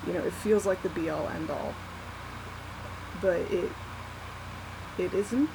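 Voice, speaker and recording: Young adult, unhurried and halting, candid, casual confessional vlog, laptop mic, whirring fan noise. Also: medium pitch, creaky. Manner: halting, candid, self-deprecating. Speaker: vlogger. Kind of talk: casual unscripted confessional vlog, one take. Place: small warm bedroom at night. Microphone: laptop built-in mic.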